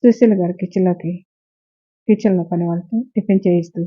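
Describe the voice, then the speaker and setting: A woman's voice: fairly low pitch, fairly even intonation, quick pace. Woman narrating a story, phone-like sound. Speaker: storyteller and channel host.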